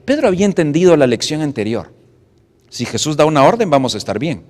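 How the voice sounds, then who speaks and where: A man's voice: fairly high pitch, sing-song, fast talker. A male pastor preaching a dramatic sermon in a church, acting out scenes and asking the audience questions. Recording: echoey church hall.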